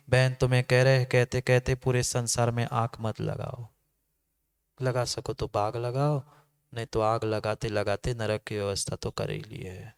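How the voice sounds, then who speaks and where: A man's voice: medium pitch, smooth. Resonant, exhorting male preacher. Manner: exhorting, repeats phrases for emphasis. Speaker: Jain monk giving a discourse. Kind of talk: sermon. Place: assembly hall.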